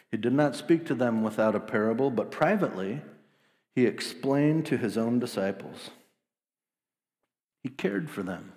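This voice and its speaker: A man in his thirties preaching a sermon as pastor, animated, acting out the voices of the people in the story. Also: mid-range voice, in a large hall. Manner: animated, acts out voices of disciples.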